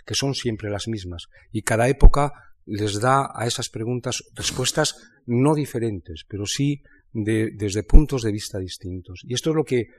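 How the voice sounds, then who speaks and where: A man from Spain talking about literature in a reflective conversation, thinking aloud with many pauses and restarts. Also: fairly low pitch. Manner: thoughtful, halting, many restarts and fillers. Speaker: writer in conversation.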